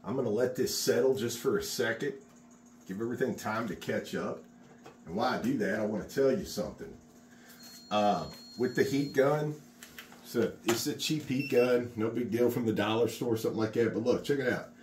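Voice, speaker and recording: Recorded on a phone in an unfinished garage workshop, a middle-aged contractor walks viewers through epoxy work in a chatty, encouraging way as he goes. His voice is medium-pitched and darkish, at a moderate pace. There's reverb and slight background noise.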